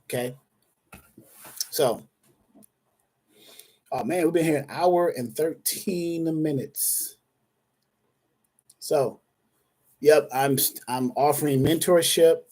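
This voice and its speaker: A man's voice: fairly high pitch, slow, long pauses, a little mellow. Chatty man hosting a live Q&A. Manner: casual, chatty, addresses viewers by name; many restarts and fillers, thinking aloud. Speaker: dispatcher trainer hosting live Q&A. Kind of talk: live online Q&A session.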